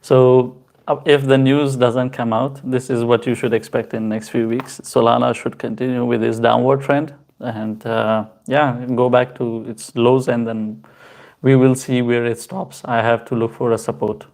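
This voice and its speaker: A man hosting a casual crypto livestream, answering viewer comments in a halting way with many fillers and chatty asides. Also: mid-range voice, level tone, darkish tone. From Pakistan. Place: home, in Canada.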